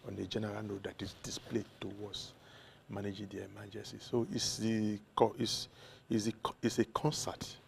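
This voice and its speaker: A man with a Nigerian accent, a doctor answering interview questions in a measured way that lists examples one by one. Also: on the low side, flat delivery, vocal fry, slight background noise. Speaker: doctor, consultant guest.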